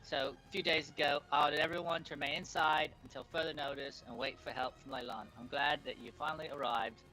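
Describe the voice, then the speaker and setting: A man's voice: fairly high pitch, fairly even intonation, fast talker, bright, forceful tone, soft background music, voice pushed up, poor audio. A man doing a weary old village headman.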